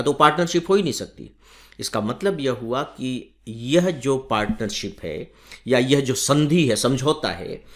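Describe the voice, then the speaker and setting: A man from India teaching a current-affairs class for exam students, explaining step by step and asking rhetorical questions. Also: mid-range voice. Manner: lively emphasis, slowing down on key terms. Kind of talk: exam-prep lecture.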